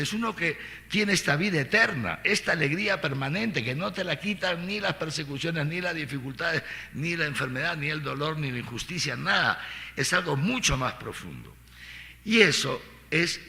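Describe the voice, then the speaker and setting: A middle-aged man preaches a catechesis as archbishop, firing off rhetorical questions and repeating his points. His voice is very forceful and sharp. A long reverb trails after him through a large church hall. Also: medium pitch, creaky. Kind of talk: catechesis talk to a congregation.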